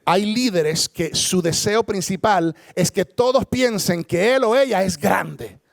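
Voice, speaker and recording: A man's voice: sits high, unhurried, vocal fry, dry recording, clean studio sound. A man preaching a sermon as pastor, emphatic and dramatic, with speech, often asking the congregation rhetorical questions.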